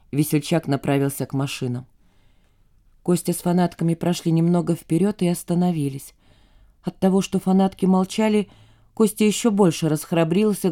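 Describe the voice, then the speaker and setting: A woman's voice: lowish voice, dark tone. Woman narrating an audiobook.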